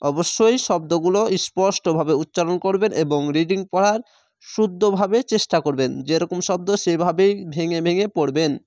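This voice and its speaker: A man teaching a Quran reading class, spelling each word syllable by syllable and then reciting it slowly and drawn out. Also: high voice, darkish tone, dry recording, studio quality.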